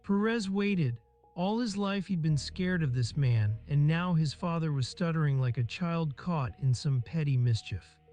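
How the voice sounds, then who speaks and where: A man reading an audiobook in steady, measured scripted narration. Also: fairly high pitch, faint music behind.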